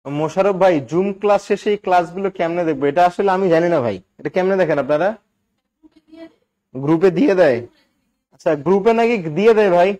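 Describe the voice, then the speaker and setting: High-voiced man teaching grammar. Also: fast talker, long pauses, darkish tone. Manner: chatty, quizzes students with questions. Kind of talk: live online class.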